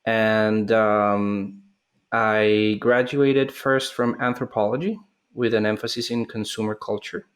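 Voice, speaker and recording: A man's voice: lowish voice, little pitch movement, slow pace. A man in his thirties from Colombia, a startup founder answering interview questions in a thoughtful way, with hesitations and restarts.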